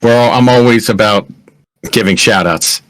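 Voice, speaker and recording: Low-voiced upbeat co-host. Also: male voice, moderate pace, no echo, rough recording. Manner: upbeat, keen on giving shout-outs. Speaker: podcast co-host. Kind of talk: casual podcast chat.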